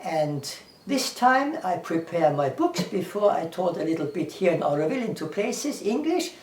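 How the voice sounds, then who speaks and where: With a high-pitched, sing-song delivery at normal speed, a man with a German accent talks to camera as an English teacher in a casual way. Earnestly he repeats himself, enumerates ideas one by one and quotes scripture, recorded in an echoey room well away from the mic.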